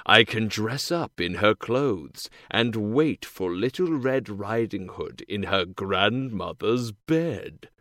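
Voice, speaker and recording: A man voicing a sly, hungry male wolf in a storybook reading, speaking slowly and low. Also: expressive, fairly bright tone, dry recording. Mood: sly, menacing. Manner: slow, low, drawn-out scheming voice.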